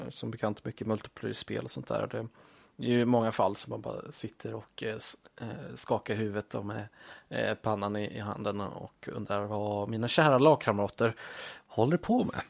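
A man in casual chat, talking hesitantly with many fillers and uneven loudness. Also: lowish voice, creaky, dry recording, studio quality.

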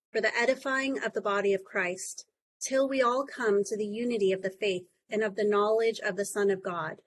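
A woman reading scripture and liturgy at a church service in a formal, measured recitation. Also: a little high, fairly bright tone, a little hiss or hum, low-quality recording. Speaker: lay reader and responder in church service.

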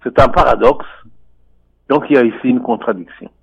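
A man commenting on finance and economics over a telephone line on a radio show, speaking in a measured, deliberate way with frequent hesitations. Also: mid-range voice, vocal fry, husky, no room sound. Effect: voice heard over a telephone line. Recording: muffled phone line, dry.

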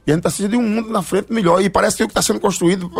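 A man's voice: high voice, fairly even intonation, very fast, vocal fry, husky. A man, a musician guest on a live radio show, chatting casually and singing with a tambourine. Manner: sings forró-style song with tambourine.

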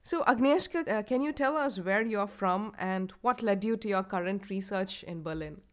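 A woman hosting a casual space podcast, introducing her guest and asking clear, friendly questions. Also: medium pitch, normal speed. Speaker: podcast host. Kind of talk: casual interview.

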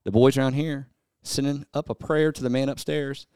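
A man's voice: mid-range voice, steady tone, normal speed, a little mellow, clear, resonant tone, no echo, studio quality. A man co-hosting a casual podcast, read-singing country song lyrics for laughs. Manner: reads song lyrics in a half-sung, joking way. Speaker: podcast co-host.

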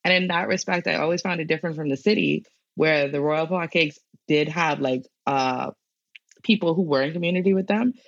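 Young Bahamian woman, interview guest, chatty and filler-heavy, gravelly voice. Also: deep voice, brisk, dry recording, highs cut off. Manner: chatty, many fillers like "like" and "you know". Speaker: guest climate scientist. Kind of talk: casual interview answers.

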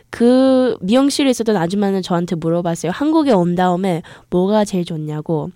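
A young adult American woman hosts a podcast, telling a story in Korean and then English with a chatty, casual flow full of fillers and restarts. Her voice sits fairly high with a dark tone, captured dry and clean in a studio.

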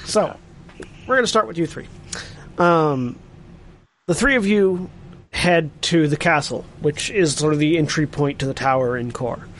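A man working as game master, narrating a tabletop game with descriptive, deliberate scene-setting. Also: fairly high pitch, fairly bright tone, slight background noise.

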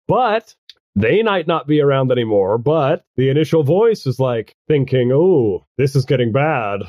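A man's voice: medium pitch, a little mellow, no room sound. A man narrating as game master, chatty with frequent stammered restarts.

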